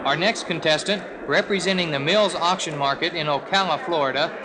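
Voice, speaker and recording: A man with a high voice makes formal contest introductions at a live event. He sets out each phrase in a measured way, with a crowd clearly audible around him. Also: rough recording. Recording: public event with crowd noise.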